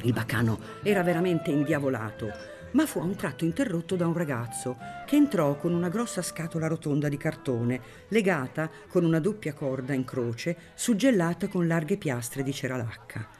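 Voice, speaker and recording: Expressive audiobook narrator. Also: mid-range voice, moderate pace, over music. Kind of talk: audiobook reading of a novel.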